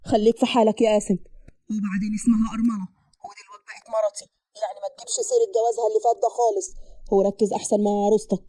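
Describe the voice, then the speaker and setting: A woman's voice: mid-range voice, flat delivery, rapid-fire, mellow, no echo, voice pushed down, natural voice. A woman doing a stern young husband. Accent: Upper Egyptian Arabic.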